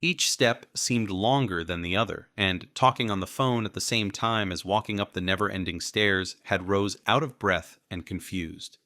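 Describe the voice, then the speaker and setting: Man, audiobook narrator, deep low voice, bright forceful tone, measured, dry close sound. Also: dry recording. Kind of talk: scripted first-person narration.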